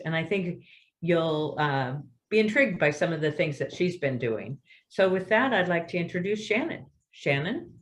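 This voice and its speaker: A woman moderating a panel, reading out the speakers' biographies in a measured way. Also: sits low, low-quality recording.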